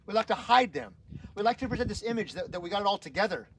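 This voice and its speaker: A man's voice: sits high, animated, fast talker, a bit bright, a little hiss or hum, low-quality recording. Earnest man giving an emotional testimony. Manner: earnest and emotional, with many restarts and repeated words. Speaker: speaker sharing his testimony. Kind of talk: personal testimony talk to an audience.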